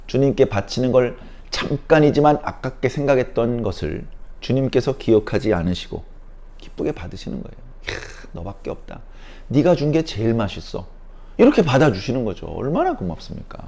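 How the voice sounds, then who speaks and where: A man preaching a sermon as pastor, animated, acting out little dialogues and asking the congregation rhetorical questions. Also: medium pitch. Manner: animated, acts out voices of devil and Spirit, rhetorical questions.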